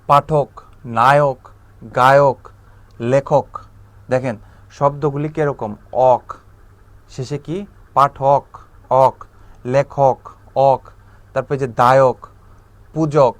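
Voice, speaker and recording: A man with a Bangladeshi Bengali accent teaching a grammar lecture, often asking "right?" and slowly repeating key terms. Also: medium pitch. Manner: checks in with rhetorical questions.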